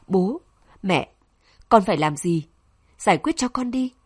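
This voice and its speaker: A woman's voice: mid-range voice, expressive, unhurried, slightly rough, dry recording, clean studio sound. A woman voicing a frightened, desperate young daughter who pleads through tears, in a storybook reading. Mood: despairing. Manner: pleading, sobbing.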